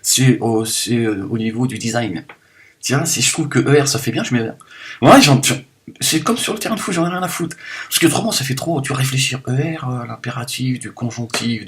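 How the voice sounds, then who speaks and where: A man talking straight to his viewers in a loose, rambling monologue, joking and swinging between loud bursts and low mumbles. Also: moderate pace. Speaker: video blogger.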